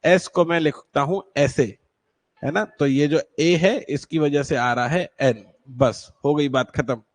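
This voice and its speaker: A man's voice: on the high side, slow. A man teaching an online class, patiently quizzing students and checking whether anyone is struggling. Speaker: exam-prep English teacher.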